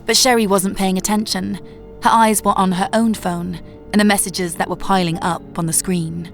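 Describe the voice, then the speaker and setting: A woman narrating a horror story in a measured, low-key way. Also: fairly even intonation, vocal fry, faint music behind.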